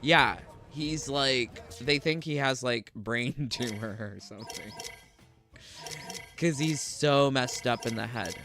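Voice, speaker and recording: A man's voice: medium pitch, takes it slowly, bright, forceful tone, soft background music. A man hosting a gaming channel, giving sarcastic, mocking let's-play commentary and laughing between lines.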